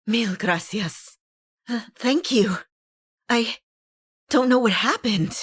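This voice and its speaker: A woman voicing a young woman, an earnest, caring older sister who speaks in a measured way. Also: lowish voice, no room sound, studio quality, natural voice.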